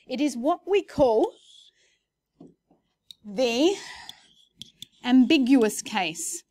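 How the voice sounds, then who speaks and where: Woman teaching a class, slightly high voice, chatty and self-correcting, recorded dry. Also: lively intonation, extremely slow, darkish tone, no echo. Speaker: maths teacher. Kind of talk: classroom lesson.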